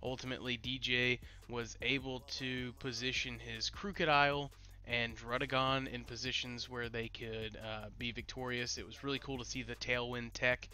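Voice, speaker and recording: A man who is recovering from a cold hosts an esports league's rankings segment alone, sounding stuffed-up and pinched through the nose. His mid-range delivery is flat and moderately paced, bright and forceful, and smooth.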